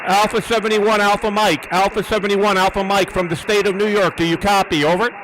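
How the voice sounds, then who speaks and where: A man's voice: high voice, level tone, brisk, fairly bright tone, poor audio. A man working as an amateur radio operator, making live contacts and antenna tests, repeating words and call signs methodically.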